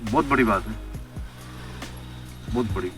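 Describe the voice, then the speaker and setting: A man speaking from inside a motorcycle helmet while out on his bike, talking in a relaxed way and thinking aloud, picked up by an action camera in a waterproof case outside the helmet. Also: lowish voice, measured pace, faint music behind. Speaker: motorcycle vlogger. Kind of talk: casual talk while riding. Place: outdoors on a motorbike by a road with trucks.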